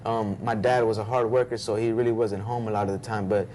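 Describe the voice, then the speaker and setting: A man's voice: fairly low pitch, little pitch movement, quick pace, a little mellow, slight background noise. A young man giving a casual interview as a musician guest, earnest and polite. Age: young adult. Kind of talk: casual talk show interview.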